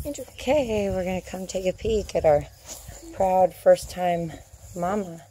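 A woman chatting casually as she films her family farm outdoors on a handheld phone, gentle with the animals. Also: on the low side, unhurried, a little hiss or hum. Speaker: homesteader filming family farm. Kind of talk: casual narrated farm vlog. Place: outdoors on a farm, in a small livestock shelter.

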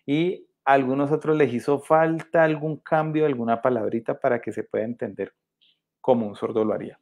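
A man with a Colombian Spanish accent and a medium, darkish voice runs a live virtual sign language workshop, explaining patiently and regularly checking that people understand. He's recorded indoors on a webcam.

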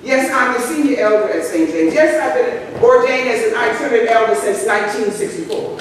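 An older woman preaching at a church pulpit, her talk loose and conversational as she tells stories and speaks straight to the congregation. The sound booms through a big hall with a long echo and is picked up from a distance, with faint noise underneath. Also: fairly quick. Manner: conversational storytelling with asides to the congregation. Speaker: pastor. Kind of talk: sermon. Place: large church sanctuary, at a pulpit. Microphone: pulpit microphone, far camera. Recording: echoey church hall from afar.

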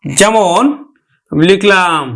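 Man, high voice, Bangladeshi Bengali accent, grammar teacher, step-by-step explaining, slow repeated example words. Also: gravelly, fairly bright tone. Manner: addresses students directly, explaining step by step. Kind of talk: online grammar lesson.

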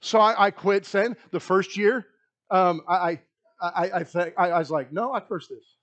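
A middle-aged man with a Kentucky accent preaches in a small church hall, pacing the low stage with a handheld mic. His voice sits high for a man, and he speaks in an animated way, often circling back to repeat his words. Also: moderate pace, muffled recording. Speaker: pastor. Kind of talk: lively sermon. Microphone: handheld mic, filmed by a far wide camera.

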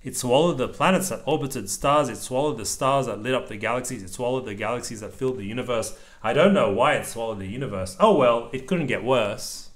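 A father with a medium-pitched voice reads a children's picture book aloud to a young child, adding short, simple explanatory asides and pointing out the pictures. They're indoors at a table over the open book.

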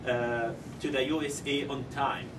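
A middle-aged Syrian parent, seated at a table in a conference room, gives a prepared press statement and then answers questions. He speaks haltingly in a steady, mid-range voice, with lots of ums and non-native grammar. Table microphones pick him up, but he is heard through a far camera, so the sound is distant with clear background noise.

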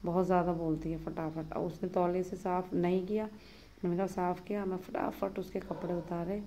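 A woman in her thirties, a mother, narrating her busy morning in a casual daily vlog, chatty and hurried. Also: fairly low pitch, little pitch movement, warm tone, slight background noise. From Uttarakhand, India. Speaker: vlogger, mother of two.

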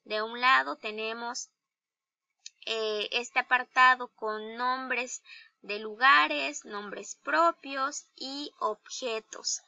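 A woman teacher with a Mexican Spanish accent, giving a slow, deliberate grammar lesson to young children and asking them questions. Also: a little high, fairly even intonation, creaky, sharp tone, dry recording, muffled recording. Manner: slow, deliberate, spells out each example; addresses pupils directly with questions. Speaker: primary school teacher.

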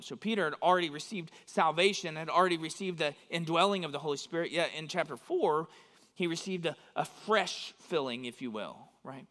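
Pastor preaching in an echoing sanctuary. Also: male voice, on the high side, a bit bright. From West Texas. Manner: conversational, often checks in with "right?". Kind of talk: sermon. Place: church sanctuary. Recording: long hall reverb.

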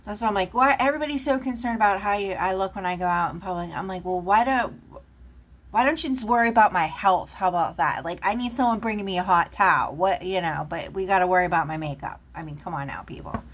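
A fast-talking woman with a medium-pitched voice chats her way through a loose, rambling tarot reading full of fillers. She's recorded off camera while seated at a table indoors.

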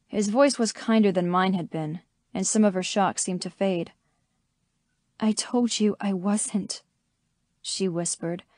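Female audiobook narrator, steady first-person read, dry studio sound. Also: mid-range voice, no room sound.

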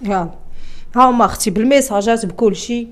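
A woman's voice: fairly high pitch, fast talker. A young woman with a Moroccan Arabic accent giving an emotional personal testimony, distressed, repeating herself and restarting her sentences. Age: young adult. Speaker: interviewee.

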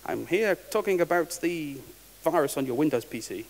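A man's voice: fairly high pitch, animated, normal speed, gravelly. A man voicing a pushy male phone scam caller in a mock Indian accent, in overly formal sales patter. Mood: fake official. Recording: reverberant hall with faint hiss.

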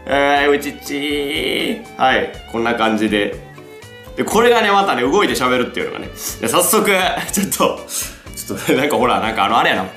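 A man's voice: medium pitch, sing-song, fast talker, fairly bright tone, echoey room, soft background music. A man vlogging in Kansai dialect, showing off a toy in a chatty, playful way with frequent laughs. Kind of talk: casual product showcase vlog.

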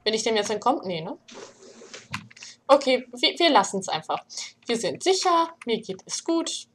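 A young woman hosting a let's play, commenting casually and shouting in panic when things get scary. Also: a little high, normal speed, a little hiss or hum. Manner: excitable, panicky shouting during scares.

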